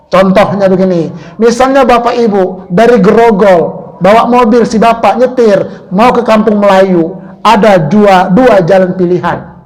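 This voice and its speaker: A middle-aged man preaching to a congregation, joking and acting out husbands and wives in street slang. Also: very high voice. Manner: jokey, acts out husband and wife in colloquial banter. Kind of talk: humorous sermon to a congregation.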